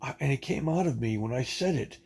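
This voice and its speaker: A man's voice: medium pitch, animated, brisk, gravelly, darkish tone, husky, low-quality recording. A man telling his life story in a casual, rambling way, full of restarts, blunt and emphatic. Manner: rambling, with many fillers and restarts. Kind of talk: casual spoken testimony.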